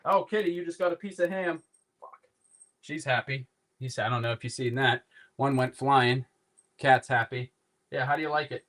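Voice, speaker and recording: This cooking livestream host, from the Pittsburgh area, runs a loose, rambling demo in his home kitchen, dropping casual swears along the way. He speaks in a mid-range, fairly bright voice at a moderate pace, pausing often.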